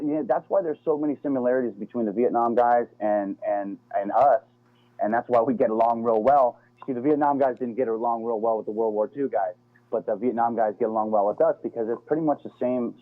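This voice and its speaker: This middle-aged American guest, a former Navy SEAL, has a mid-range voice that comes through a tinny, dry phone line without echo. He keeps things casual, calling the host "man" and "dude."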